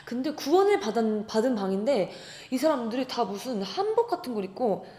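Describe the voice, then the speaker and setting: A woman telling a personal faith story in casual chat, animated and acting out the quoted voices. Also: fairly high pitch, fairly quick. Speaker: guest. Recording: echoey room.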